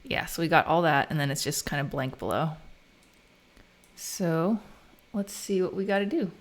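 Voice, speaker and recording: Low-pitched and moderately paced, this American woman chats casually on a live stream while coding. She thinks aloud in an easygoing, informal manner.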